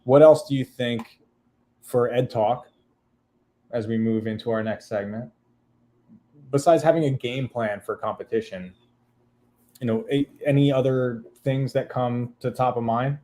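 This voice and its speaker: A man's voice: medium pitch, steady tone, unhurried, long pauses, dark tone. A man hosting a casual podcast, upbeat as he reads out live comments and thanks listeners. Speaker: podcast host.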